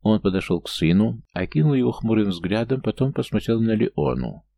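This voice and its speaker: Deep gravelly male narrator. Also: moderate pace, warm tone, no room sound. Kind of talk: audiobook narration.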